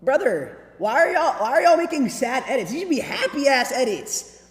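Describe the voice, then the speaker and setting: A man's voice: very high voice, very animated, moderate pace. A young man chatting casually to livestream viewers in slang and repeating himself. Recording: echoey reverberant room with background noise.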